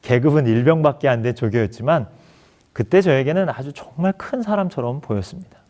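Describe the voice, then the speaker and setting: Male pastor, sermon testimony, earnest storytelling, middle-pitched voice, acts out dialogue. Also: fairly quick, darkish tone.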